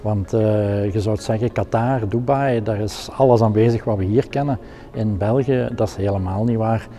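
A man's voice: lowish voice, moderate pace, warm tone. A middle-aged man with a Flemish accent, a technical production director explaining his work in a practical, hesitant way with many fillers.

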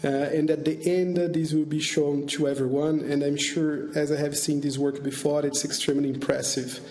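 A man's voice: on the high side, little pitch movement, moderate pace, a little mellow, soft background music. A man moderating a webinar panel over a video call, hesitant, with many fillers and repeated words. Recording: echoey room.

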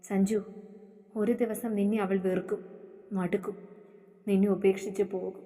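A woman's voice: mid-range voice, little pitch movement, normal speed, warm tone, soft background music, close to an everyday voice. A woman voicing an exasperated young male friend in a storybook reading, scolding and urgent. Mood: pleading. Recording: long hall reverb.

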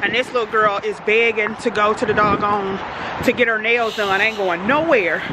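Heavy background noise surrounds a woman speaking at medium pitch and a moderate pace as she vlogs casually into a handheld compact camera. A mother sharing family life, she keeps things slangy and easygoing, laughing a lot.

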